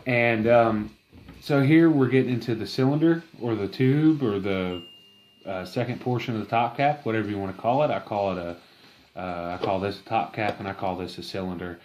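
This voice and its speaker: A man giving a casual, rambling product review, enthusiastic but halting and full of fillers. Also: lowish voice, a little mellow, slight background noise.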